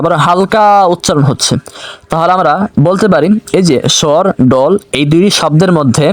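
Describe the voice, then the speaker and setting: A man's voice: on the high side, dry recording. Patient male teacher, dry close sound. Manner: patient, explains step by step and repeats example words slowly. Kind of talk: online grammar lesson.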